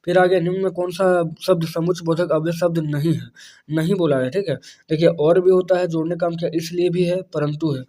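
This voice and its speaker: A man's voice: fairly high pitch, fairly even intonation, a little fast, warm tone. A man teaching an exam-prep grammar lesson, patiently explaining and repeating terms, often checking in with the listener.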